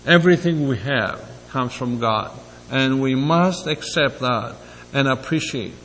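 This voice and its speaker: Slow older man preaching in a hall. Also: mid-range voice, fairly bright tone, slight background noise. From Greece. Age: 70s. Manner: halting, reflective, personal asides. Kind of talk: sermon.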